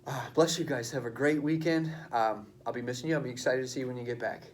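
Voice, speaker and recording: Guy teacher doing a video lesson, talks slow, leans hard on syllables. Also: mid-range voice, fairly even intonation, a little hiss or hum. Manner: explains slowly, stresses syllables aloud.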